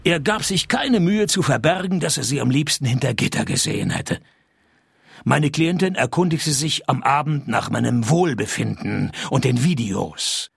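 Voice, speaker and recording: An actor playing a wry, world-weary private detective in a noir radio drama, speaking in a raspy, deadpan, sardonic way. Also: male voice, medium pitch, normal speed, no echo, heavily acted. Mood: wry narration. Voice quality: gravelly, raspy. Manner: deadpan, sardonic, dry wisecracks. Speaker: lead character and narrator.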